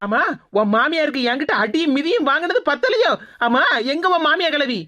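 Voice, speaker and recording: A woman's voice: sits high, animated, brisk, sharp tone. A woman voicing a feisty, blunt young cartoon woman who scolds, with a Tirunelveli Tamil accent. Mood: scolding. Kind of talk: cartoon voice acting. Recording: dull lo-fi recording.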